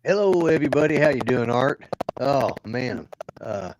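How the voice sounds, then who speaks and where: Oklahoma man, guest, choppy broken-up call audio, halting talk, faint hiss. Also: medium pitch, animated. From Oklahoma, USA. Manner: halting, with many fillers. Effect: choppy, cutting-out internet audio. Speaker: guest on an online political talk show. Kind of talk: casual chat. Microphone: home computer mic on a video call.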